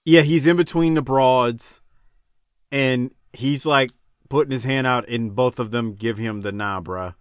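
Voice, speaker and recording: A man hosting a casual recap chat, talking in an animated, jokey way. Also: medium pitch, measured pace, dry recording, clean studio sound. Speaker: podcast host.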